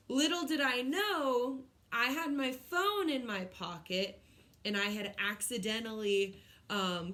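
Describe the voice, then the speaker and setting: A woman's voice: a little high, a bit bright. Chatty young woman teaching a class. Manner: chatty, storytelling with acted-out quotes. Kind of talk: recorded class lesson.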